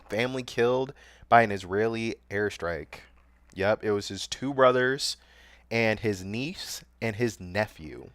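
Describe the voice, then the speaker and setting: A young man talking on a livestream with a somewhat low, smooth voice, recorded close and dry. He reacts to news clips in loose, sarcastic slang and laughs at his own jokes. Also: fairly bright tone, no echo. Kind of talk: casual streamer commentary.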